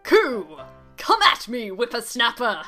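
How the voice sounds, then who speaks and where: A boisterous male pigeon from a game, cooing between lines, given voice by a woman. He talks loud and bossy, barking orders like an old man. The tone sits high and bright. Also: big pitch swings, takes it slowly, faint music behind, heavily acted.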